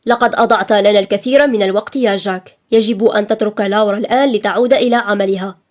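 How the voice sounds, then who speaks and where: A woman's voice: medium pitch, steady tone, a little fast, a little mellow, close to an everyday voice. A woman voicing a stern male boss who talks coldly and firmly. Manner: cold, firm. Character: stern, cold male boss, gentle underneath.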